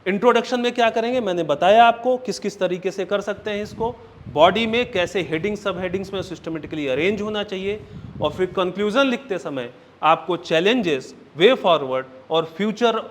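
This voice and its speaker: Young male exam coach, fairly high voice, lectures step by step with frequent check-ins. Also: lively intonation, moderate pace, a little hiss or hum. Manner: checks in often with "right?" and "okay?"; explains step by step, counting points aloud. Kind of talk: classroom lecture.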